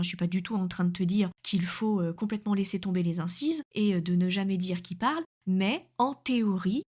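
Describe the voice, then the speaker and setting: A woman's voice: mid-range voice, darkish tone. French woman explaining writing craft. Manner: explanatory, addresses listener directly with many hesitations. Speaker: writing coach. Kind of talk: podcast writing lesson.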